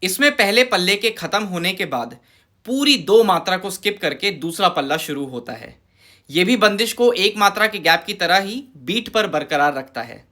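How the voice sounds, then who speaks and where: A woman's voice: medium pitch, animated, normal speed, a bit bright. A woman teaching kathak, explaining with care and reciting the dance syllables in rhythm.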